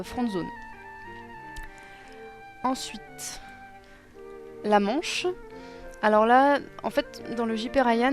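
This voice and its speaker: A young woman casually explaining a costume sewing project, hesitant and self-deprecating with many pauses and fillers. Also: mid-range voice. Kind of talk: casual tutorial narration. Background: music.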